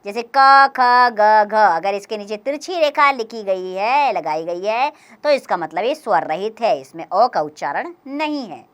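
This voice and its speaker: A woman teaching a grammar lesson for young children, explaining slowly and clearly, step by step. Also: medium pitch, animated.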